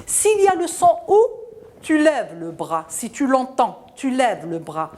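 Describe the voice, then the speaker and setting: A woman teaching a televised reading lesson to children, stretching and singing syllables up high and dropping low to praise. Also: sing-song, darkish tone. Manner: slow, drawn-out syllables sung up high, then drops low to praise.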